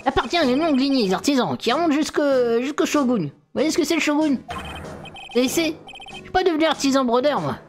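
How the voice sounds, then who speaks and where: A woman's voice: high voice, lively intonation, brisk, soft background music. A woman voicing a rude, grumbling old male craftsman in a video game playthrough. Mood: ranting.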